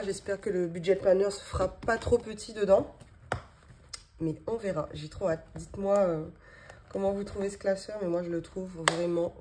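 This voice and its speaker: A woman in her thirties talks chattily at her home desk, full of fillers and little laughs. Her voice sits a bit low and mellow. A faint hiss runs underneath. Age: 30s. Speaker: budgeting vlogger. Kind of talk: casual show-and-tell vlog. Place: home office desk, indoors.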